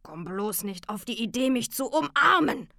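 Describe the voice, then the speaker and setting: A woman's voice: on the high side, wildly swooping pitch, slow pace, darkish tone, no echo, clean studio sound, pitched above the performer's own voice, exaggerated voice. A woman voicing a surly, shaggy male creature who grumbles and sulks. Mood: annoyed grumbling. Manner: grumbling, sulky, dull. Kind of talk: storybook character voice.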